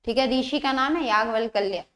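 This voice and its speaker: Woman, high voice, teaching grammar for exams, repeats each word, keeps asking questions back. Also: fairly quick, a bit bright. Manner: explains patiently, repeats words, asks rhetorical questions. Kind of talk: exam-prep grammar lesson.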